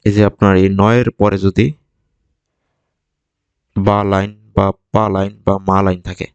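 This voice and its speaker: Low-voiced man teaching vocabulary patiently. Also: darkish tone, no echo, dull audio. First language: Bengali. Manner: patient, repeats each word slowly. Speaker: Japanese language teacher. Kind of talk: vocabulary lesson, explaining words.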